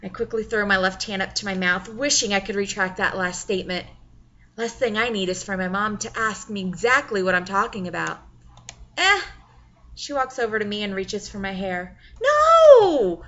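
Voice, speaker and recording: Woman reading audiobook first person, wry, bright voice, dull lo-fi sound. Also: mid-range voice, brisk. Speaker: audiobook narrator.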